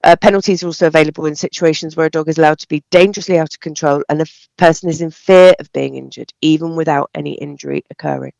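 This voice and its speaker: Council officer: British woman, croaky and gravelly, giving a formal prepared response in a dry, close sound. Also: low-pitched, fairly even intonation, fast, a little mellow, no echo. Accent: British English. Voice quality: croaky, hoarse voice. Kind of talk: formal read-out statement at a council meeting.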